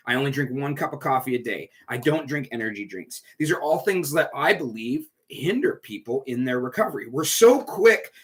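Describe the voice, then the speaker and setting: With a stuffy, congested nose, a man leads a recovery group through a chatty livestream talk from indoors at home. His voice is medium in pitch with a sharp tone, and he comes across as rambling and upbeat.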